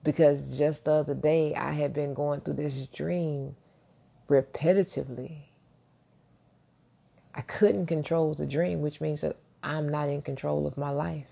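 At home in the early morning, a podcast host delivers a casual motivational monologue in a soft, deep, gravelly voice, keeping quiet so his neighbors stay asleep. He sounds self-assured and reflective, speaking a little slowly and flatly while rambling with restarts.

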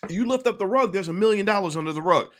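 A man talking to camera as a host in an energetic, emphatic way, repeating key words and clearing his throat now and then. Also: high voice, fast talker. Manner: clears throat and coughs between points. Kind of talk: casual talk to camera.

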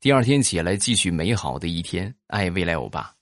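A man's voice: deep voice, sing-song, a little fast, no echo, studio quality. A man hosting a podcast, telling funny stories and reading listener comments while teasing his audience. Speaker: podcast host.

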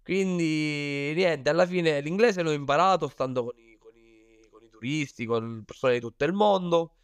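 A man with a Sicilian accent and a smooth, slightly high voice tells his own story as an interview guest. He talks in a casual, colloquial, self-deprecating way, recorded close and dry. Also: normal speed, no echo. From Sicily, Italy. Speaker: interview guest, professional Muay Thai fighter.

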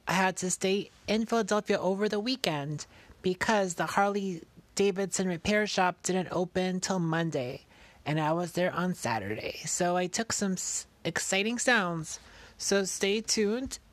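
Woman host telling a story casually, lowish voice, really dry sound. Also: no echo. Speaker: show host. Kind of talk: casual first-person storytelling.

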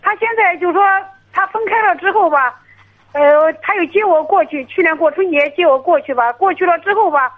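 A middle-aged woman calling in to an advice show, talking haltingly with many restarts over a tinny phone line. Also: very high-pitched. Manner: halting, hesitant, restarts often. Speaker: caller.

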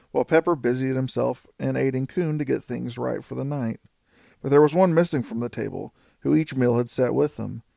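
Male storyteller, gravelly, close and dry, steady read. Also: medium pitch, no echo. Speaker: audiobook narrator. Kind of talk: scripted narration.

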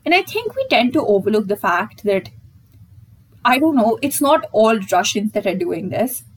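Husky-voiced young woman chatting candidly. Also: fairly high pitch, very animated, moderate pace, poor audio. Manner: candid and emphatic, swears freely. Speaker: podcast host. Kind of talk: casual solo podcast chat.

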